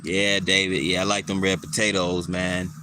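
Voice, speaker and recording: A man casually talking to his live chat viewers, relaxed and repetitive, answering people by name. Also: low-pitched, moderate pace, noisy background. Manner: laid-back, repeats himself, answers viewers by name.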